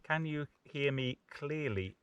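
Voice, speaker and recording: Speaking slowly and with animation, this hiking vlogger from the United Kingdom gives casual, practical commentary while field-testing gear on open hills. His voice is a little high and a bit bright, with a clean tone and no room sound.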